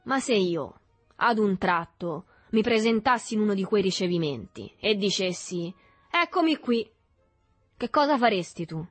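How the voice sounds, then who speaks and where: A woman voicing a rough, threatening poor teenage boy who mocks and challenges a rich boy, in a storybook reading. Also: mid-range voice, moderate pace, faint music behind, close to an everyday voice. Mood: swaggering. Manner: loud, mocking, threatening.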